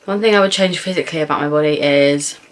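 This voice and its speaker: Low-pitched young British woman chatting casually. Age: young adult. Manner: informal, frank, thinking aloud with pauses and swearing. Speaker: vlogger answering viewer questions. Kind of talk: casual chatty Q&A while eating.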